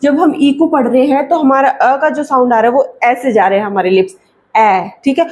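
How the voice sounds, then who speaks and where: A woman teaching phonics for young children to parents, modelling vowel sounds slowly and repeating each question and answer with frequent check-ins. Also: high-pitched, darkish tone. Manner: stretches sounds slowly when modelling them. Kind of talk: instructional lesson for parents.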